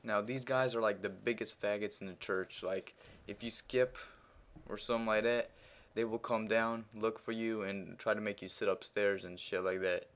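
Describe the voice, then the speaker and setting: Commenting over gameplay, this Russian-accented teenage gaming commentator tells a crude story full of swearing and fillers in a rambling way. The voice is male, lowish and fairly even in intonation, at a moderate pace. Retelling the argument, he grows louder and heated.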